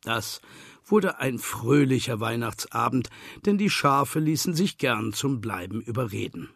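Expressive man reading a storybook. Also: mid-range voice, measured pace, vocal fry, breathy edge, no echo, studio quality. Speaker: narrator.

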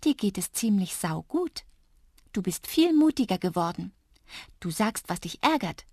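A woman voicing a tiny, kind male ear sprite who speaks gently and giggles. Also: mid-range voice, big pitch swings, unhurried, slightly rough, no echo, studio quality, full character voice. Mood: tender.

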